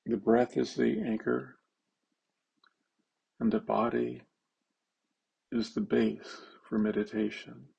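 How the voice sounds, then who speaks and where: A man leading a slow guided meditation, halting, with long pauses and simple phrasing. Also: medium pitch, flat delivery, gravelly, mellow, husky, poor audio.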